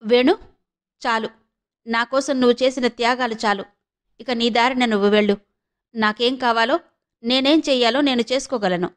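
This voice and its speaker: Brief: a woman doing a furious young woman, sharp and indignant, high voice, storybook reading. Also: normal speed, pauses often, close to an everyday voice. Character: fierce defiant young woman wronged.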